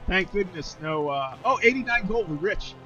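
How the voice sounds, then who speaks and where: A man's voice: sits high, lively intonation, normal speed, pushed and bright, soft background music. Casual male game host, laughs a lot, trips over his words, distant lo-fi call audio. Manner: laughs often, stammers and restarts. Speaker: game master. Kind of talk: casual co-op game play with voiced dialogue.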